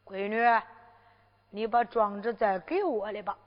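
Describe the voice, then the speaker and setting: A woman playing a disguised emperor posing as a wandering fortune-teller, fatherly and lively, teasing and scolding in turn, with a Henan accent, in a Henan zhuizi storytelling performance. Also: mid-range voice, measured pace, pitched below the performer's own voice, close to an everyday voice. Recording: dull lo-fi recording with long reverb.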